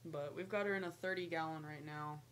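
Brisk and fairly even in intonation, this young woman's low voice rambles through a casual to-camera chat, occasionally cooing at her pet snake. The noisy webcam or laptop mic sits at arm's length in her small, lamp-lit room.

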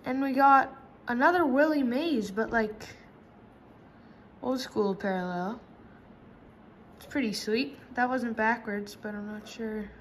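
A woman chatting casually while opening trading card packs, breaking into high excited shrieks at big pulls. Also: takes it slowly, pauses often, slight background noise, poor audio. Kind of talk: casual pack-opening commentary. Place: indoors at a table. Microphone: camera over hands, speaker off screen.

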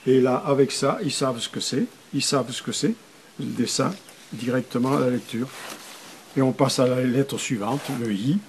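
An older man, a priest, patiently explains how he teaches adults to read. He sounds out syllables one at a time in a voice of average pitch. A faint hiss sits under the recording. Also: normal speed, low-quality recording.

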